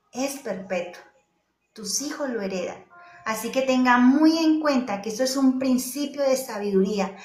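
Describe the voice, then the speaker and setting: A woman's voice: a little high, a little hiss or hum. A woman preacher, delivering a sermon emphatically, repeating key phrases and answering her own rhetorical questions. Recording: echoey room with faint music.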